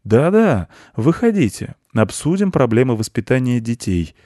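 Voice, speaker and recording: A man voicing a sly, hungry male cat who talks calmly. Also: mid-range voice, normal speed, no echo, studio quality, voice pushed up, lightly acted.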